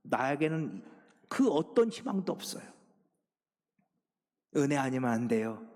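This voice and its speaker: A man preaching a sermon as senior pastor, swinging from hushed pleading to loud, emphatic exhortation. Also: mid-range voice, very animated, a little slow. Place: church sanctuary. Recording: long reverb of a church sanctuary.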